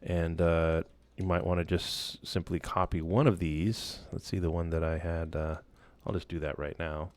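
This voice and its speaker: A man walking through a software tool in a casual screen-share tutorial, loose and relaxed, with many fillers and restarts. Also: low voice, moderate pace, few pauses. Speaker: instructor.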